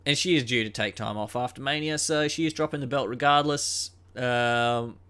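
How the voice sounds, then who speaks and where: A young man hosting a solo podcast in a casual, rambling way, full of ums and uhs and a flat, unimpressed tone. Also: medium pitch, normal speed, clean tone. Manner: unenthusiastic, dismissive. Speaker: podcast host.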